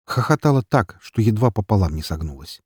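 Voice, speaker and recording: A man reading a first-person audiobook with an ironic, lively delivery. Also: on the low side, fairly quick, breathy edge, no room sound, studio quality. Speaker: audiobook narrator. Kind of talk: scripted narration.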